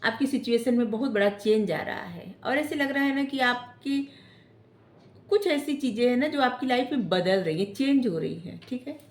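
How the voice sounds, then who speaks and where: A woman tarot reader giving gentle spiritual advice, often checking in with "theek hai?" as she talks. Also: a little high, animated, normal speed, echoey room. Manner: gentle coaching tone, ends phrases with "theek hai?". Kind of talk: casual spiritual advice talk.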